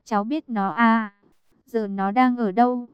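A woman's voice: fairly high pitch, fairly even intonation, measured pace, clear, resonant tone, no room sound, highs cut off, natural voice. A woman reading an audiobook and voicing a desperate aunt around fifty who wails and scolds. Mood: pleading. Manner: wailing, scolding. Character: middle-aged aunt, shrill and desperate.

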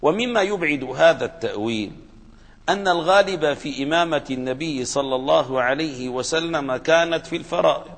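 A man's voice: a little high, fairly quick, fairly bright tone. A man giving a religious lesson on hadith commentary, explaining patiently and spelling out the vowels of names with care. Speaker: religious teacher. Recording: reverberant hall.

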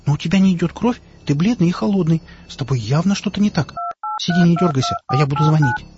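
A man's voice: on the high side, expressive, fast, very noisy, voice pushed up, natural voice. A man reading an audiobook voices a worried, insistent young woman who fusses over an injured friend. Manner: anxious, insistent. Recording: dull lo-fi audiobook, faint music.

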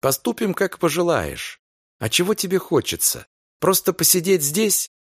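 A man's voice: fairly high pitch, big pitch swings, unhurried, no echo, clean studio sound. A man voicing a worried young husband who coaxes and soothes his wife. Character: anxious devoted young husband.

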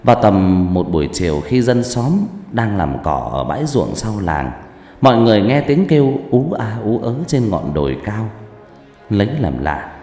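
Brief: male narrator of a spooky tale, low and dramatic, long reverb, soft music bed. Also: big pitch swings, moderate pace. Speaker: storyteller. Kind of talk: first-person ghost story narration. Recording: echoey room, faint background music.

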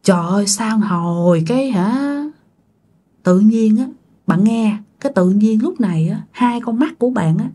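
Lively Southern Vietnamese woman telling ghost stories. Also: fairly high pitch. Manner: dramatic, addresses listeners directly. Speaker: storyteller. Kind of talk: ghost story narration.

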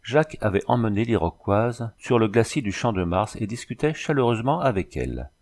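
Deep-voiced man reading a novel. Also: animated, a little mellow. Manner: measured storytelling. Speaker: audiobook reader. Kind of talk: scripted narration.

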